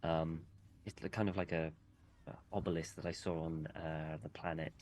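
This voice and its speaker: A man playing his character in a tabletop game, talking in a halting way with many restarts. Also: extremely low pitch, flat delivery, a little mellow, a little hiss or hum. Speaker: player.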